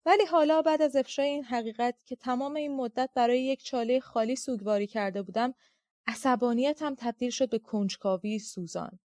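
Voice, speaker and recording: A woman reading a literary novel aloud as an audiobook narrator, with a measured, reflective delivery. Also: fairly high pitch, a little mellow, no room sound, clean studio sound.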